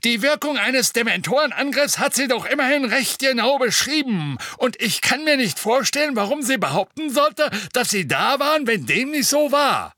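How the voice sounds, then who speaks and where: A man voicing a stern older female official with a booming voice who reasons firmly, in an audiobook reading. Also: very animated, normal speed, hardly any pauses, bright, forceful tone, no room sound, studio quality, heavily acted.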